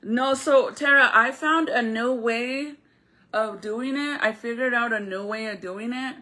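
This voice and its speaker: Talking to her live stream viewers informally and directly, a woman explains a craft with a retainer in her mouth. Her voice is on the high side, a little slow, pushed and bright, in a conversational manner.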